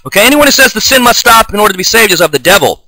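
A man giving an improvised, combative video sermon, reading scripture aloud, often restarting and clearing his throat. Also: high-pitched, very animated, rapid-fire, bright, forceful tone, no echo, poor audio. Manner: fired-up, combative, denouncing opponents. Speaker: self-taught online preacher.

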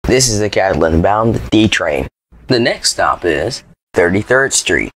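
A man reading scripted transit announcements like a subway or airport announcer, in a formal, measured manner. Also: low-pitched, expressive, a bit bright, husky, low-quality recording. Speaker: train announcer.

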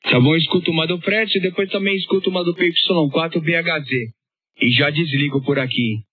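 A man's voice: fairly high pitch, steady tone, a little fast, breathy edge, no room sound. A Brazilian man chatting in a chummy, colloquial way as a ham operator over two-way radio. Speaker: amateur radio operator leading the exchange. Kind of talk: casual ham radio chat. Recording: dull, band-limited shortwave radio audio.

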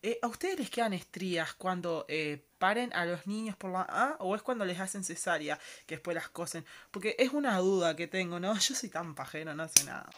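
A man's voice: sits high, lively intonation, a little fast, hardly any pauses, a bit bright. A man with an Argentine accent casually commenting on a TV episode, chatty and rambling, with slangy asides and mock-disgusted exclamations. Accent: Argentine Spanish. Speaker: reaction commentator.

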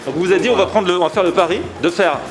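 Man vlogging to a handheld camera, fast, slightly high voice, music underneath. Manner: upbeat, animated presenter. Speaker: food vlogger host. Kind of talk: casual vlog chat. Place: street, then small restaurant. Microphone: handheld camera at arm's length.

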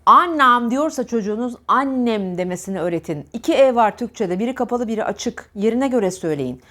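A woman with a somewhat high voice gives a diction lesson straight to camera. She speaks earnestly and emphatically, scolding gently through repeated instructions. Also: lively intonation, brisk. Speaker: diction teacher.

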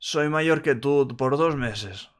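A man from voicing a drunk, weepy young female cat, talking in a slurred, wobbly, drawn-out way. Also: a little high, clear, resonant tone. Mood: sorry.

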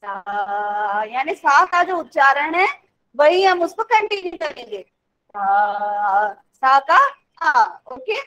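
A woman music teacher slowly sings the sargam note names and patiently explains each step of a raga song to her class. Her voice is extremely high and fairly bright, with the highs cut off.

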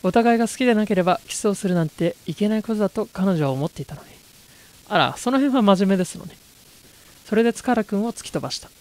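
A game streamer reads horror story text aloud in feminine storytelling style. The voice sits at a middle pitch between typical male and female ranges. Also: very fast, hardly any pauses, a little mellow.

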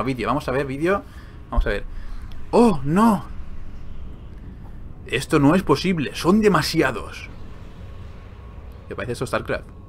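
A man giving casual gameplay commentary, excitable and quick to swear and joke. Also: medium pitch, slight background noise. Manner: excitable, swearing, joking asides. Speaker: gaming video host.

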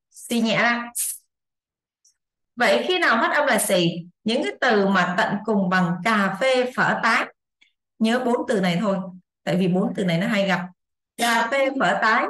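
A woman's voice: medium pitch, a bit bright. A woman, an English teacher explaining a lesson in a chatty way, repeating examples and checking that her students follow. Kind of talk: casual online lesson explanation. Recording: roomy echo.

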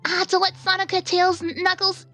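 Woman as squeaky, gushing hedgehog fangirl. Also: level tone, moderate pace, sharp tone, faint music behind.

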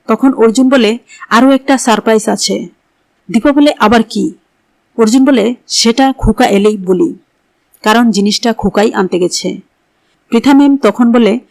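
A woman's voice: on the high side, darkish tone, no room sound. A woman narrating a scripted recap of a television serial, lifting her voice a little for the quoted lines. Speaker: entertainment news narrator.

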